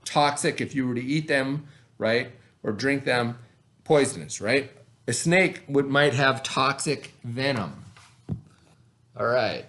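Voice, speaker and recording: In a slow, mid-range voice with a fairly bright tone, a male elementary teacher leads a read-aloud lesson for little kids. He breaks down vocabulary step by step, spelling and sounding out words and asking "right?" to check understanding.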